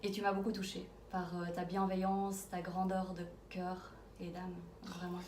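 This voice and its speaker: A woman's voice: fairly low pitch, monotone, normal speed, darkish tone. A woman conducting a casual, conversational interview as the interviewer. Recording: roomy echo, distant mic, faint noise.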